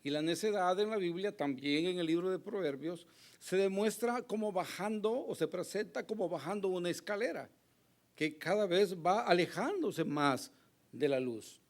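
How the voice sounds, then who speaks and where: A male pastor preaching a sermon with a hoarse voice, earnest and emphatic, pausing to address the congregation. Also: high-pitched, animated. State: hoarse, recovering from lost voice.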